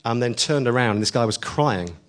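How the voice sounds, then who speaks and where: A man preaches a sermon in an earnest, emphatic way, pushing his voice up on key lines and using frequent ums while telling a story. His mid-range voice is brisk, with lively intonation.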